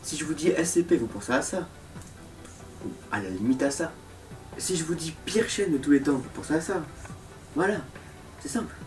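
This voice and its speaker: A man's voice: fairly high pitch, animated, fairly quick, far from the mic. A young man giving casual, sarcastic commentary as the host of a horror game review show. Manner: sarcastic, mocking asides. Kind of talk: casual scripted video commentary on horror games. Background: music.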